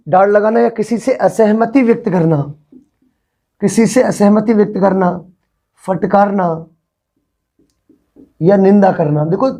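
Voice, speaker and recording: Mellow-voiced male vocabulary teacher. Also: high-pitched. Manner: explains patiently, repeats words, often asks the class if they follow. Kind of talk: classroom vocabulary lesson.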